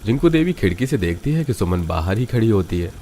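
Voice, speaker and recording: A man's voice: fairly low pitch, sing-song, brisk, mellow, a little hiss or hum. A man narrating a scripted Hindi family drama in a plain storytelling delivery.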